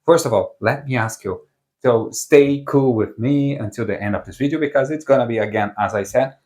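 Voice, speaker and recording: A language teacher from southern Brazil, a native Portuguese speaker with a Brazilian accent, gives a casual online lesson in rambling English that he frequently corrects mid-stream. His mid-range voice has a darkish tone and moves a little fast.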